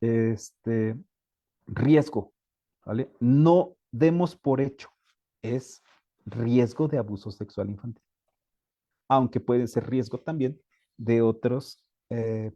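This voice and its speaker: A man delivers a training lecture to teachers in a mellow, warm voice. He pauses to check in with his listeners and now and then searches for a word. The recording is close and dry, with no room sound. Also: medium pitch, dry recording, highs cut off. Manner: often checks in with the audience, with frequent hesitations.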